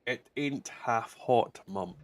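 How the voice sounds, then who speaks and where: A man's voice: medium pitch, steady tone, takes it slowly. A man streaming a video game, chatting casually with swearing, joking banter. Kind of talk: casual gaming stream chat.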